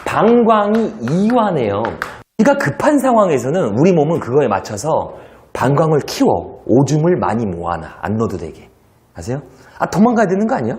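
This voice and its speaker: A male teacher giving a lively classroom lecture, telling stories with sound effects and acted dialogue and throwing rhetorical asides to his students. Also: on the high side, normal speed. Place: lecture hall.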